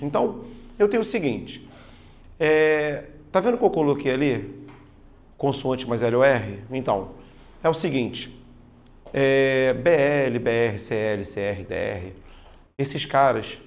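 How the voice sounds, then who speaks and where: A man's voice: mid-range voice, creaky. A man teaching an exam-prep grammar lesson in a casual way, often checking in with his students. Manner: casual, addresses students as "galera", frequent "ó" and "tá vendo?".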